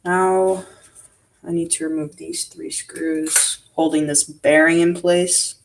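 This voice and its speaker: A man hosting a live stream, talking low-key to himself as he works on a model. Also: vocal fry. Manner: low-key, muttering to himself while working. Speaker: livestream host. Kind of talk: live-stream commentary while working on a model. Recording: voice a bit distant from the mic.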